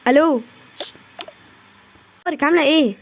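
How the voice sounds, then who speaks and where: A woman with an Egyptian accent acts out a whole homemade drama by herself, jumping quickly from one character's voice to the next. Her voice sits high and keeps a lively, playful pace throughout. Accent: Egyptian Arabic. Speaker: creator playing every part in a homemade series. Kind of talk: homemade role-play drama.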